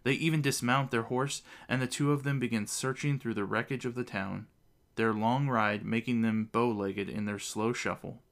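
Gravelly-voiced man narrating a story. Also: medium pitch, fairly even intonation, moderate pace, a bit bright. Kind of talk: audiobook fantasy narration.

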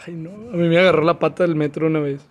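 Young Mexican man, rapid high-pitched storyteller, slangy, faint noise behind. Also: dull audio. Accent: Mexican Spanish. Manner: fast, slangy, makes sound effects and voices. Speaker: podcast co-host telling a story. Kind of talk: casual chat, storytelling.

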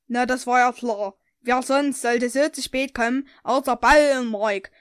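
A woman's voice: a little high, unhurried, clear, resonant tone, no echo, studio quality, natural voice. A woman reading the lines of an angry male school principal from her own story. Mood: scolding.

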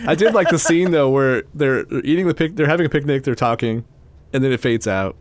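A man in a casual podcast chat, mid-pitched and easygoing. He laughs often and drops into quoted movie lines with mock voices. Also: animated, fairly quick. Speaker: podcast co-host.

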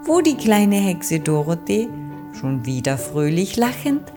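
A woman calmly narrating a children's story in a gentle, unhurried way. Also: fairly low pitch, over music. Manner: calm, slow, gentle narration.

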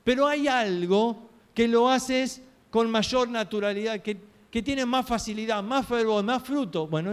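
High-voiced preacher man. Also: a little mellow. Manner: earnest storytelling with rhetorical questions. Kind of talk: sermon.

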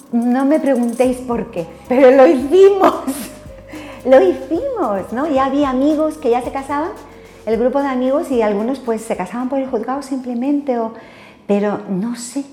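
An older woman from Spain tells her faith story in a mellow, warm voice, pausing often and checking in with little tag questions. The room is echoey, with soft music underneath. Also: high-pitched. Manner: hesitant, many fillers and tag questions. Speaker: interview guest. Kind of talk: personal faith testimony.

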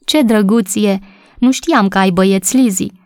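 A kind, sunny young wife from a storybook, talking with bright eagerness, voiced by a woman reading aloud. The recording is dry and close, with no room sound. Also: mid-range voice, no room sound, natural voice. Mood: cheerful.

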